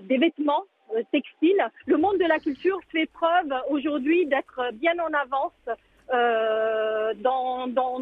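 An Italian museum director, appearing as a guest, answers questions in a live radio interview over a tinny phone line. Her voice sits high. She sounds hesitant, with many fillers and restarts.

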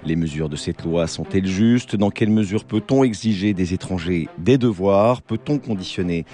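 A man with a French accent from France hosting a political debate, his gravelly, hollow voice hoarse from a cold. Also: low-pitched, normal speed, mellow. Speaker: debate show host.

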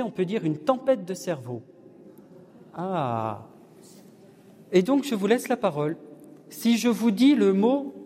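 Male parish evening leader, slightly high voice, very unhurried delivery, recorded in a reverberant hall. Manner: slow, measured and gently humorous. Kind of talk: leading a parish discussion evening. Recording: long hall reverb, distant room mic.

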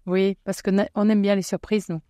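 A woman's voice: medium pitch, flat delivery, a little fast, dark tone, dry recording. A woman co-hosting a radio interview, teasing and curious as she questions her guests. Her voice is mid-range, in a close, dry studio sound. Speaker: radio co-host. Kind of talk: casual interview chat.

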